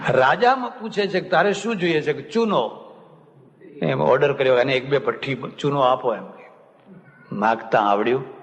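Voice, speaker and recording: A man's voice: medium pitch, normal speed, pauses often, crowd noise. An older man, a swami, giving a religious discourse full of anecdotes and acting out the people he quotes with humor. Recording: long hall reverb, dull lo-fi sound.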